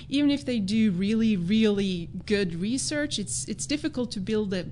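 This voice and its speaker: A woman who grew up in Norway, a biologist answering interview questions in a measured, explanatory way. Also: mid-range voice, slight background noise. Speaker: biologist guest.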